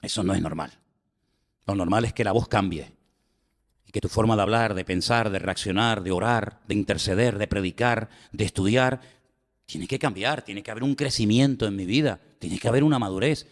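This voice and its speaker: Spanish pastor preaching in an echoing hall. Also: male voice, lowish voice, moderate pace. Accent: Spain Spanish. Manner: emphatic, repeats phrases, asks the congregation rhetorical questions. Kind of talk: sermon.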